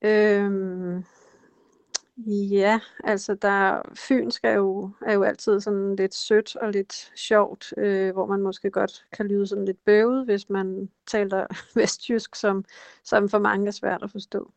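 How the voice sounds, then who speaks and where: A woman's voice: medium pitch, level tone, creaky, no room sound. A woman guest in an interview, explaining how politicians use language, hesitant with frequent fillers. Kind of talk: conversational interview.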